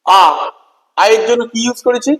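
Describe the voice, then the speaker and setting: Male teacher, very high voice, lively delivery, echoey classroom with long reverb. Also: moderate pace. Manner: questions and answers with students, spells words letter by letter. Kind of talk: classroom lesson.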